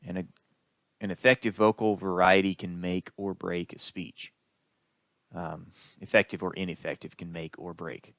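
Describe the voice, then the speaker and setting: Low-voiced man giving a recorded lecture. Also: steady tone, creaky, a bit bright, no room sound. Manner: explanatory, unhurried, with occasional fillers. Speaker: instructor.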